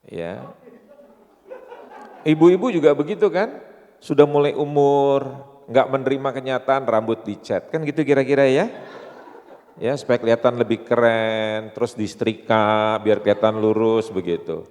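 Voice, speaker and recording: A man's voice: medium pitch, normal speed, a little mellow. A pastor in his sixties with an Indonesian accent, giving a seminar sermon full of jokes and rhetorical questions to his audience. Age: 60s. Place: church seminar hall. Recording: long hall reverb.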